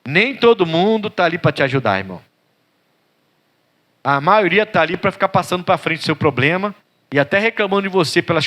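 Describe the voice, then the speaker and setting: A male Brazilian pastor preaching with a high, bright voice. He acts out biblical characters with dramatic flair and climbs into pleading cries. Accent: Brazilian Portuguese. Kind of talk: sermon.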